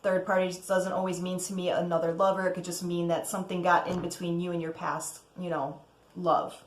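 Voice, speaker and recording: A woman's voice: on the low side, level tone, a little fast, roomy sound. A woman giving a casual, chatty tarot reading as host, often checking in with "okay?" and letting out cheerful whoops. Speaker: tarot reader.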